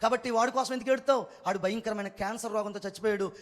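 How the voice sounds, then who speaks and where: A man's voice: sits high, steady tone, very fast. A man preaching a passionate testimony sermon from a church stage, speaking into a handheld microphone, calling out for praise and acting out his own cries. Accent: Telugu. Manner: fervent, calls for praise, acts out cries. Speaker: pastor. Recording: long hall reverb.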